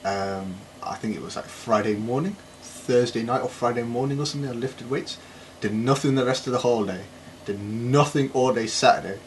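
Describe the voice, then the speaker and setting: A man's voice: medium pitch, brisk, a little hiss or hum. A man co-hosting a casual tech podcast, speaking in a dry, sarcastic way. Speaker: podcast co-host. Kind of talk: casual chat.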